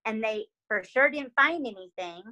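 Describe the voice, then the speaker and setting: A young adult woman hosts a casual storytelling chat, animated and dramatic in her delivery. She leans on fillers like "like" and keeps asking "right?" to pull her listener along. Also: fairly high pitch, moderate pace, low-quality recording. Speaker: podcast host telling a true crime story.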